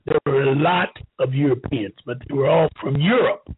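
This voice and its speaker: A man in his seventies telling a rambling story slowly, with halting restarts. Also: medium pitch, husky. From United States. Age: 70s. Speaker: show host. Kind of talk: rambling talk. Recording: tinny phone-like line.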